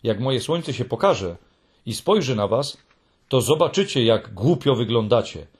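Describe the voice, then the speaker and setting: A man voicing a young male Moomin troll, loud and defiant, from a storybook. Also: mid-range voice, sing-song, measured pace, husky. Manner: loud, defiant singing recital.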